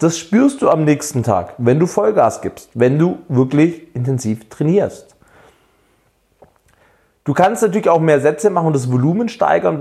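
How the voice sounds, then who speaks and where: A man talks straight to his viewers like a fitness coach. His voice moves a lot, climbing and dropping as he explains exercises and fires off questions. He sounds energetic and pushes the listener to train hard. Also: a little high, vocal fry. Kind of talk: direct-to-camera fitness advice.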